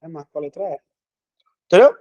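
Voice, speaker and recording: High-voiced math teacher in class. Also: male voice, animated, a little fast, dark tone, dull audio. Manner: talks students through problems, counting aloud, asking questions.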